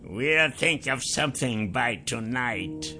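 A man voicing a sly, scheming male captor with a smooth, mocking manner in an audiobook. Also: mid-range voice, expressive, slow, sharp tone, faint music behind, heavily acted.

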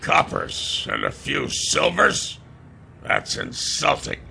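A pugnacious little dwarf, as a male narrator puts him on, haggling and spitting insults. His voice is raised, grainy with fry and bright at the edges, never backing down. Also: a little high, wildly swooping pitch, slow pace, soft background music, voice pushed up, full character voice. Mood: defiant. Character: gruff dwarf disguised as goblin, male, greedy.

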